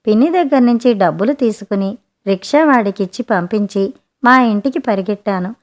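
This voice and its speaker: A woman narrating a written short story in a gentle, expressive audiobook manner. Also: medium pitch, a little fast.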